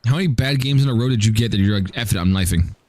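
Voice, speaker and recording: Male streamer, low-ish voice, casual jokey chat with stammered restarts. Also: rapid-fire, a little mellow, dry recording. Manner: joking, chatty, frequent stammered restarts. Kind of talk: casual livestream chat while gaming.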